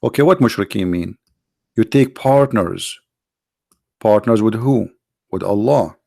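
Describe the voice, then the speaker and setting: Gravelly, tired-voiced man lecturing. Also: fairly low pitch, warm tone, dry recording, clean studio sound. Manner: emphatic, rhetorical questions, halting restarts. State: tired, strained voice. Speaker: religious apologist. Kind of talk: lecture on scripture.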